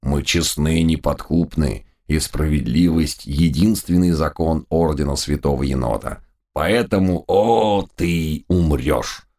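A man's voice: very deep voice, warm tone. A man voicing a trio of pompous, dim raccoon judges of a holy order, drawing out preachy phrases that start with a solemn "O". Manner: drawn-out, preachy, every phrase opened with "O". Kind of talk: audiobook character voice.

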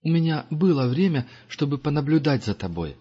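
A man voicing a gentle, patient older man who speaks softly and persuasively. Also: a little high, sing-song, fairly quick, husky, voice pushed up. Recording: dull lo-fi recording.

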